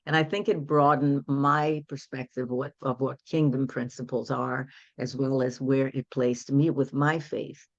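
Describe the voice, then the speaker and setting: Her bass voice is gravelly and level, moving at a measured pace with hardly any pauses. She's a Brazilian guest coach for women's empowerment in her sixties, native in Portuguese, telling stories in English with earnest reflection in a casual interview. The recording is dry, with highs cut off.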